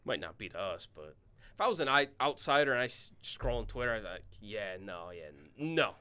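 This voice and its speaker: A man's voice: fairly low pitch, sing-song, fairly quick, pushed and bright, smooth. A man on a sports podcast giving confident, stats-heavy breakdowns in a casual style.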